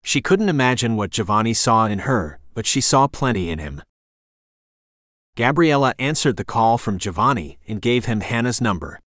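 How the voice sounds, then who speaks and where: A man's voice: medium pitch, animated, moderate pace, a bit bright, no room sound. Man narrating an audiobook, dry sound. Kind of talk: scripted narration.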